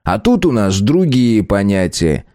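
A man's voice: on the low side, big pitch swings, a little slow, mellow, no room sound, clean studio sound. A man voicing a stern, sarcastic male administrator who snaps out his rulings. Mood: curt, sarcastic. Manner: snapping, sarcastic.

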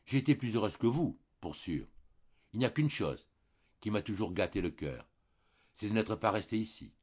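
A man's voice: lowish voice, expressive, normal speed, darkish tone, breathy edge, dull audio. A man voicing an older countrywoman servant who speaks in a rustic country manner. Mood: tearful, homely. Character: older woman, a weeping rustic maidservant.

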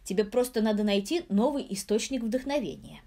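A woman reading a storybook, voicing a gruff, self-important male thunder spirit who speaks weightily. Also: mid-range voice, expressive, fairly quick, warm tone. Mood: pompous. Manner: weighty, pompous.

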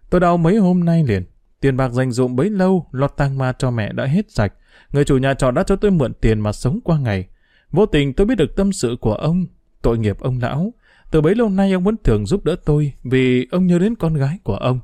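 Expressive male audiobook narrator. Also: medium pitch, no echo. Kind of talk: first-person diary narration of a novel.

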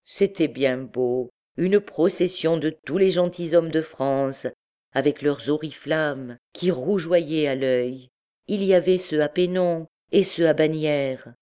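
A woman's voice: low voice, slow pace, mellow, clear, resonant tone. A woman voicing an elderly noble lady who reminisces in a rambling, chatty way. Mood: nostalgique.

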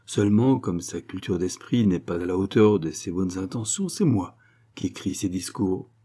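A man's voice: low voice, moderate pace, husky. A man reading an audiobook, voicing a cheerful, talkative young former clerk. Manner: lively and wordy.

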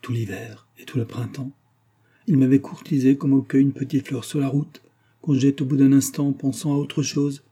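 A man's voice: mid-range voice, flat delivery, moderate pace, dark tone, slightly rough, voice pushed up. A man voicing a proud young peasant woman, the miller's daughter, boasting of her suitor in a storybook reading. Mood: triumphant.

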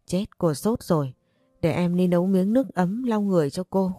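A woman voicing a devoted young maid in an audio story, speaking anxiously and gently. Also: lowish voice, moderate pace, no echo, clean studio sound, faint music behind, natural voice. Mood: gentle. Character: loyal young female maid, worried and devoted.

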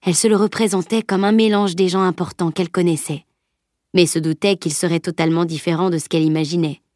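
A woman narrating a novel as an audiobook, in an even, steady reading. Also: fairly low pitch, quick pace, dry recording, clean studio sound. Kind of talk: scripted narration.

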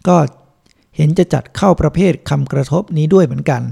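Male monk reader, calm measured audiobook narration, gravelly and mellow, a bit high. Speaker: monk reading a book aloud. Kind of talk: audiobook reading.

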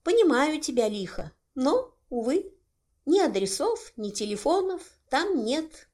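A woman's voice: high-pitched, pitched above the performer's own voice. A woman voicing an indignant young witch. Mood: wry. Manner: indignant, excitable, quick to cry out. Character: young indignant witch heroine, sharp-tongued.

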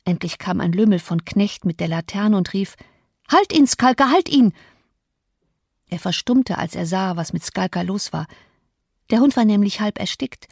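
A woman reading a classic novel aloud as an expressive, dramatic first-person narration. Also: medium pitch, normal speed, creaky, slightly rough, no echo, clean studio sound. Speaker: audiobook reader. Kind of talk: literary audiobook narration.

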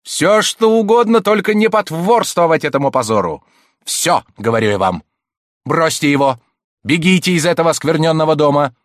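A man's voice: medium pitch, expressive, normal speed, dry recording, studio quality, pitched above the performer's own voice, natural voice. A man voicing an angry, accusing country priest in a dramatized audiobook reading. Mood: furious. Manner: thundering, accusing, preachy. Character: stern fiery male country priest.

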